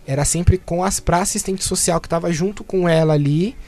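A man's voice: high voice, brisk, a little mellow. A man, talking as a panel guest in a casual discussion, hesitant and often tagging his sentences with questioning asides.

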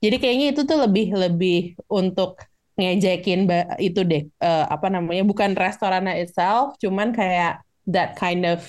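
A woman's voice: on the low side, normal speed, a little mellow. A woman chatting about a film, rambling and searching for words, mixing in English. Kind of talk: casual film discussion.

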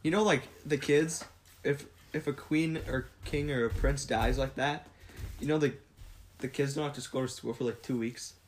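A man's voice: medium pitch, steady tone, moderate pace, a little hiss or hum. A young man co-hosting a casual chat with friends, asking questions, moving topics along and laughing often. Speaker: podcast co-host.

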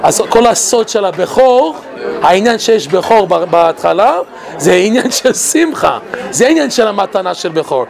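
A man giving an animated Torah talk. He laughs often and asks many rhetorical questions. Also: high voice, vocal fry, crowd noise. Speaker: Torah teacher.

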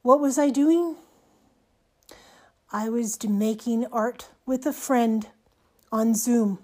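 An older woman with a hoarse, nearly gone voice, hosting a personal podcast in short, halting, reflective phrases. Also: a little high, darkish tone. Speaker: podcast host.

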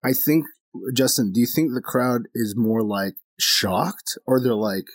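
A man's voice: mid-range voice, measured pace, no room sound. A man hosting a casual comedy podcast, earnest and talking things through, acting out other people's reactions. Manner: earnest, acts out quoted reactions. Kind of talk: casual chat.

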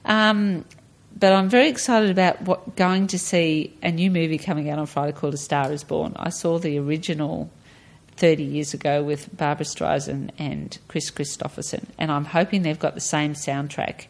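A middle-aged Australian woman, a podcast guest, chats casually about health and personal tastes, explaining as she goes. Her voice sits low with vocal fry, a steady tone, normal speed and few pauses.

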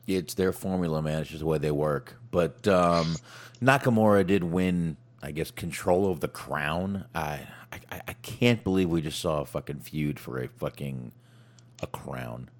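A man with a very low, deep voice chats casually as a wrestling podcast co-host. He talks bluntly, swears freely and rambles through restarts. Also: a little slow. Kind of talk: casual crude chat.

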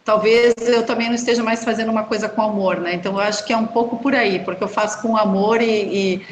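A woman, a journalist and runner, telling stories in a chatty, animated way as an interview guest. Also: on the high side, quick pace, roomy sound, slight background noise. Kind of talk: casual interview chat.

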